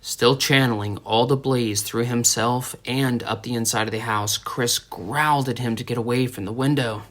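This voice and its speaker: A male audiobook narrator reads a tense story in a steady, dramatic way. His voice sits at an ordinary middle pitch. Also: moderate pace. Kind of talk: scripted narration.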